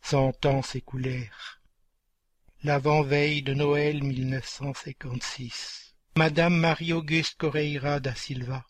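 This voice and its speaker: A man's voice: fairly high pitch, no echo. Solemn male storyteller, dry close sound. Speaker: narrator. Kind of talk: dramatic story narration.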